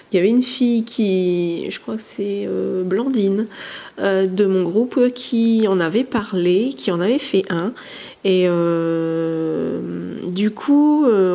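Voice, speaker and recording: A woman talking casually through a scrapbooking show-and-tell, hesitant with many fillers and restarts, sometimes dropping to near whispers. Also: medium pitch. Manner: soft-spoken, drops to near whispers. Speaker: scrapbooking YouTuber.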